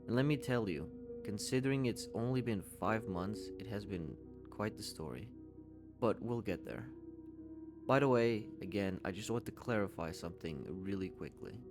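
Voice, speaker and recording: A man's voice: on the low side, moderate pace, music in the background. A man in his twenties giving a candid, conversational commentary voice-over and swearing casually. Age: 20s. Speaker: YouTube commentator.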